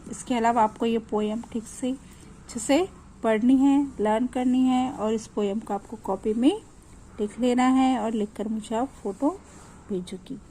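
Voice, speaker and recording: A woman teacher with an Indian accent who recites an English poem slowly, repeating each line, then explains it quickly in Hindi mixed with English. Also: fairly high pitch, fairly even intonation, dark tone, a little hiss or hum, rough recording.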